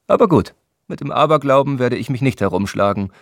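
A man voicing a brusque, impatient spa doctor who talks down to his patient in a gruff, scolding way. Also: medium pitch, expressive, fairly quick, no room sound, studio quality, pitched above the performer's own voice, lightly acted.

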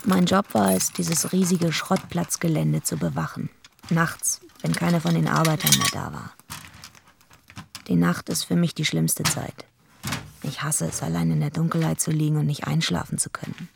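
Gravelly, deadpan tough female wrestler. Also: deep voice, normal speed, noisy background. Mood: brooding, confiding. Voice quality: raspy, gravelly. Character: tough surly female wrestler villain narrating her own story. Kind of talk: first-person radio play narration.

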